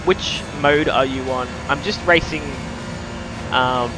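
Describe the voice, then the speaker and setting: A man's voice: mid-range voice, slow. An Australian man live-streaming a game, chatting casually in a blokey way with mild swearing and slang. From New South Wales, Australia. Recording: loud game music and engine noise behind. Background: racing game music and car sounds.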